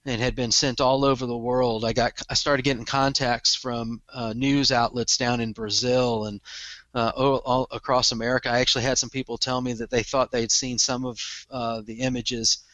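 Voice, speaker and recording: This podcast guest is a middle-aged man from Texas with a Texan accent, relaxed in casual interview chat, frequently chuckling and repeating words. He speaks at normal speed in a flat, mid-range voice; the recording is a bit bright, echo-free, with highs cut off.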